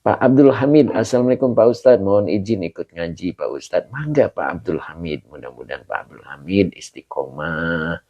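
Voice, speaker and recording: A man's voice: low voice, lively intonation, normal speed, warm tone, lo-fi sound. A man, an Islamic preacher, greeting viewers on a live stream, reading their comments aloud and answering with prayers and chuckles.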